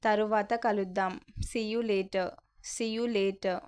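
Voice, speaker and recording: Woman English tutor with a Telugu accent, smooth clear voice, repeats each phrase twice in a drill. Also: mid-range voice, steady tone, slow pace, a little mellow, no room sound. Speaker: spoken English teacher.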